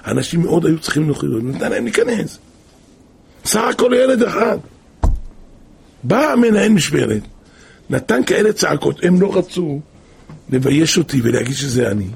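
A man preaching, telling a moral story in an animated storytelling way with wide swings of pitch. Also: creaky, long pauses, slightly rough.

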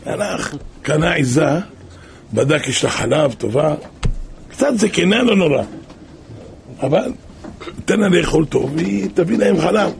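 A man preaching a religious sermon, telling a folksy parable with lively rhetorical questions. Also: on the high side, creaky, long pauses, a little hiss or hum.

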